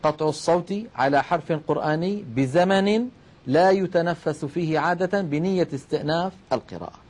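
A man's voice: fairly high pitch, brisk, darkish tone. A middle-aged man teaching the rules of Quranic recitation, explaining step by step, posing questions and answering them himself. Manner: addresses listeners as brothers. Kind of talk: religious lesson on Quranic recitation.

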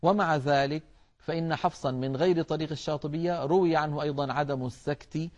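A man teaching the rules of Quran recitation in a measured, explanatory way, addressing his listeners as brothers. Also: on the high side, fairly even intonation, a little mellow. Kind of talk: tajweed lesson.

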